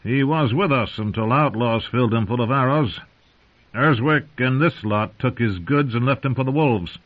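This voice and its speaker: A man's voice: medium pitch, normal speed, voice pushed up, close to an everyday voice. A man voicing a proud, sardonic captive knight with a dry manner, on a dull lo-fi recording. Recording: dull lo-fi audio.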